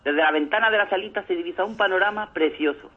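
Man, quick husky delivery, phone-thin radio sound; animated storyteller. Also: high-pitched, phone-quality sound. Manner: animated storyteller, acts out comic scenes. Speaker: radio show co-host. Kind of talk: casual radio chat about comics.

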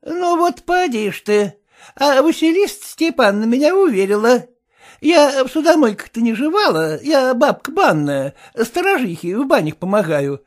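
A man's voice: very high-pitched, voice pushed up, heavily acted. A man reading aloud voices a humble old peasant woman who speaks hesitantly and simply.

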